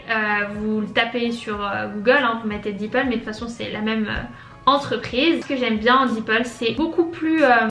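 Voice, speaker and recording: A woman's voice: a little high, a bit bright. Chatty young woman in an echoey room. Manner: chatty, many fillers, friendly "les amis". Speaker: YouTuber giving English-learning tips. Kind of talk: casual tips vlog. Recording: echoey room with faint music. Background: faint background music.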